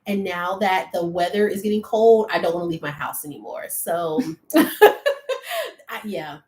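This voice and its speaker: A woman's voice: fairly low pitch, sing-song, a little slow, a little mellow, roomy sound. A woman co-hosting a live chat, asking questions and laughing a lot. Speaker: co-host of a live chat show. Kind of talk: casual chat.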